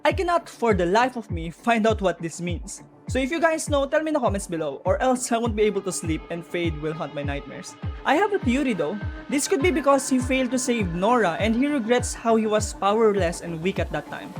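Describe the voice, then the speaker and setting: Very animated and fairly quick, a woman with a medium-pitched voice talks viewers through game lore in an informal, speculative commentary. There is background music beneath her voice.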